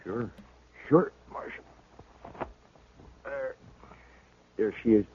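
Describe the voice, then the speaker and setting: A weak, wounded frontier homesteader. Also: male voice, on the low side, expressive, very slow, slight background noise. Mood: weary. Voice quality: drawling, rough country speech. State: weak, in pain. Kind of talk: 1950s radio acting. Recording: narrow-band vintage radio broadcast.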